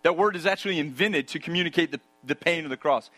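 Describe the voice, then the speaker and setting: A man preaching a sermon, emphatic and full of rhetorical questions, dropping to a hush for key points. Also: fairly high pitch, fast.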